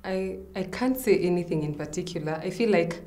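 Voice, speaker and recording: A young woman answers interview questions about her work in a relaxed, easygoing way. Her voice sits fairly low, and she laughs readily. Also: a little fast. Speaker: makeup artist guest.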